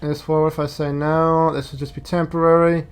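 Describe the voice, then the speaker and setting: Casting: female streamer, notably low voice, offhand playthrough reactions. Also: level tone, normal speed, clean tone, faint music behind. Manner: wry, offhand. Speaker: game streamer. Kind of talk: casual playthrough commentary.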